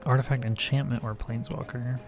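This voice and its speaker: Gravelly man streaming a card game. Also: medium pitch, little pitch movement, brisk, faint music behind. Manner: thinks aloud, muttering card names. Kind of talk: casual gameplay commentary.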